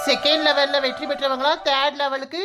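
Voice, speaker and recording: A woman with a Kanyakumari Tamil accent voicing village cartoon characters in a blunt, deadpan way. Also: high-pitched, brisk, music in the background. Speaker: cartoon voice artist.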